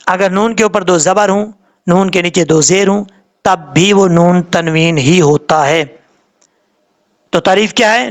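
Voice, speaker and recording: A man with a high-pitched voice giving a recitation lesson. He explains patiently, step by step, repeating letters and rules. He slows right down and stretches each word when he demonstrates it. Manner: slowly draws out sounds when demonstrating words. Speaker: Quran recitation teacher.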